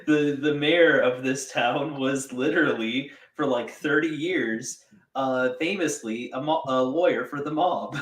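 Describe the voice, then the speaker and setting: A man's voice: mid-range voice, unhurried, a bit bright. Jokey man, roomy and distant. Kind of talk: casual group chat.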